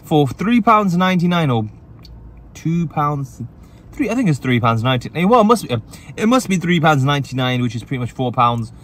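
A man's voice: on the high side, sing-song, fairly quick, fairly bright tone. A man reviewing food in a parked car, chatty and upbeat, talking while he eats. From England. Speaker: food reviewer and channel host. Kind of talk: casual food review vlog.

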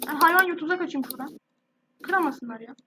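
This gaming YouTuber has a high-sitting voice, talks fast, and has a sore, irritated throat, with background noise behind her. Her casual gameplay commentary is chatty and aimed directly at viewers.

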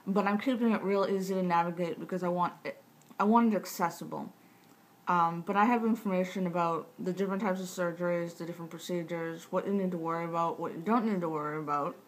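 Speaking fast with a fairly low, fairly even voice, this vlogger in her thirties rambles matter-of-factly through surgery recovery tips, breaking into her own sentences. Recent jaw surgery leaves her speech tight-jawed. It's a casual talk to the camera in a small indoor living room, captured by a camera mic at about arm's length amid clear room noise.

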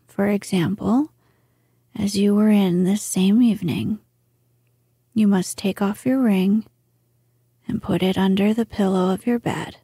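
A woman's voice: medium pitch, husky, no echo, exaggerated voice. A woman whispering as a wise old grandmother. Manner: slow hushed whisper. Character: ancient wise grandmother lady, gentle and calm. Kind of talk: whispered storybook reading.

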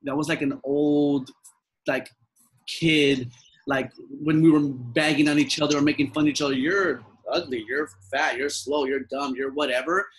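A man's voice: on the high side, flat delivery, moderate pace, rough recording. A man who works as a mindfulness coach, answering interview questions in an earnest, repetitive way, often acting out the lines he quotes. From Southern California.

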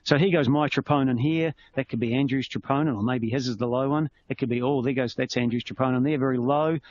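A man's voice: medium pitch, fairly even intonation, quick pace, a little mellow. A man with a New Zealand accent, giving a conversational medical teaching webinar and explaining with everyday analogies. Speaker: clinician presenting a webinar. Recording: slightly muffled with faint noise.

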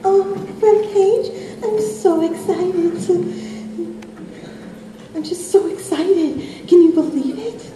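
Woman playing a very high, gushing mermaid pony. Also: slow pace. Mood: excited, gushing. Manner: gushing, excitable. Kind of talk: live amateur stage skit. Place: on stage in a convention ballroom. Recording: roomy hall stage, distant camera, faint noise.

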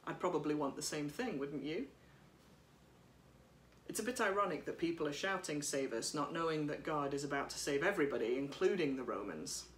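A woman priest giving a sermon at home, speaking in a gentle, reflective way while reading from notes, recorded by a camera across a room. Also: low voice, expressive, fairly quick, roomy sound, a little hiss or hum. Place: living room by a bright window.

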